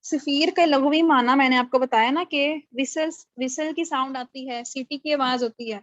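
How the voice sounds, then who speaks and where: A woman's voice: sits high, steady tone, no room sound, muffled recording. A woman teaching a live online class on Quran recitation rules, explaining patiently and checking on her students with questions. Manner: explanatory, mixes English terms into Urdu, checks understanding with questions. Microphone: video call microphone.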